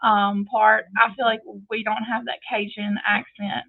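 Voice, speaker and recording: Speaking with a North Louisiana Southern accent, a woman talks through a painting craft as she paints, chatty and full of fillers. Her voice is medium-pitched with little pitch movement and a slightly slow pace, and the audio has a thin, phone-like quality.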